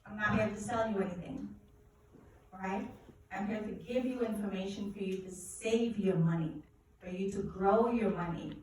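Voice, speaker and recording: Speaking at a church, a Guyanese woman who teaches finance delivers a lively live seminar about money, drawing responses from the crowd with preacherly questions. Her medium-pitched voice moves at normal speed. Captured from a distance in a big echoey hall, the recording has slight background noise.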